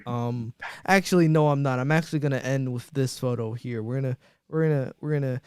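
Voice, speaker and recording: A man's voice: mid-range voice, brisk, darkish tone, clean tone, no room sound, studio quality. A man hosting a casual sports podcast, talking loosely with friends and rambling through his sign-off with plenty of ums and uhs. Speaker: podcast host.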